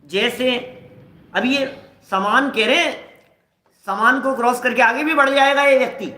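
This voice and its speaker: A man's voice: very high-pitched, fairly even intonation, measured pace, bright, forceful tone, roomy sound. A middle-aged man teaching a scripture class in a conversational way, explaining with everyday examples and acting out quoted dialogue. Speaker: religious teacher.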